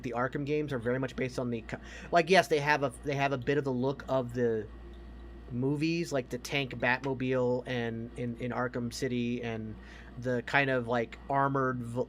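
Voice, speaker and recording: A podcast co-host chats casually about games and movies, offering emphatic opinions and swearing freely. His mid-range voice has a fairly bright tone, with a little hiss or hum in the recording.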